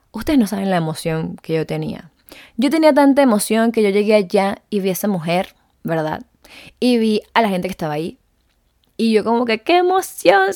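Podcast host, young woman, confiding storyteller, some vocal fry, dry close sound. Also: mid-range voice, darkish tone, dry recording. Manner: chatty, confiding, emotional storytelling. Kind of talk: casual personal monologue.

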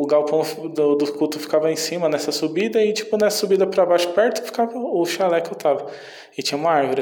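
Meandering Brazilian man, fairly high voice. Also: darkish tone. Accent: Brazilian Portuguese. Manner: meandering, hesitant. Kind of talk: casual storytelling.

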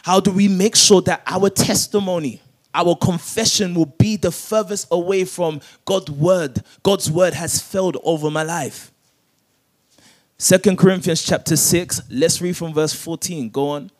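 A man's voice: high voice, steady tone, unhurried. A man preaching a sermon, calling for verses to be read aloud and repeating them with rising emphasis. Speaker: pastor. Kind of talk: sermon with call-and-response scripture reading.

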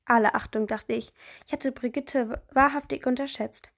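A woman reading a children's story aloud for her podcast, lively, with small slips and restarts. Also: fairly high pitch, normal speed.

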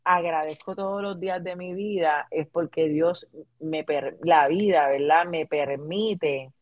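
A woman's voice: deep voice, a little slow, dry recording. A woman, chatting casually and reflectively about faith, laughing now and then. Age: 40s. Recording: dull dry sound.

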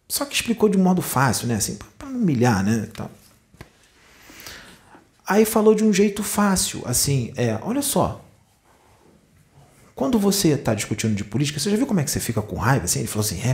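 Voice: medium pitch, a little mellow. A spiritist lecturer with a Brazilian Portuguese accent, telling a story in a conversational way and acting out the dialogue in different voices.

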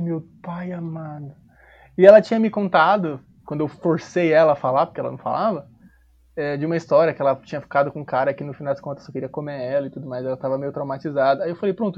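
A man with a São Paulo accent telling a personal story in casual chat, slangy and animated, acting out quoted dialogue. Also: fairly high pitch. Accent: São Paulo Portuguese. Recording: dull lo-fi recording.

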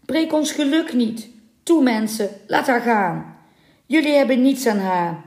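A woman's voice: expressive, slow, darkish tone. A woman voicing a grieving old merman. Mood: pleading. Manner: pleading, then booming curses. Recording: roomy echoing room.

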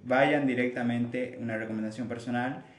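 A man's voice: medium pitch, steady tone, normal speed. A man, co-hosting a casual geek podcast and often agreeing with his partner. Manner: agreeable, often says "exactly". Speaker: podcast co-host. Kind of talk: casual chat. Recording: echoey room.

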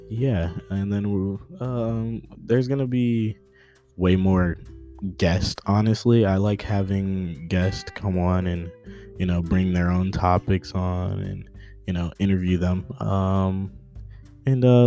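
A man's voice: low voice, dark tone. A young man hosting his own podcast, talking off the cuff in a joking, rambling way and tripping over his words. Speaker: podcast host. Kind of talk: unscripted casual podcast update.

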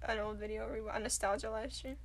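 A young woman co-hosting a podcast, chatting casually from a small closet with teasing, deadpan jokes and frequent giggles. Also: medium pitch, fast, gravelly, slight background noise. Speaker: podcast co-host.

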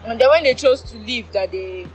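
A woman in casual podcast chat, loosely recounting a story and pausing to search for names. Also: a little high, poor audio.

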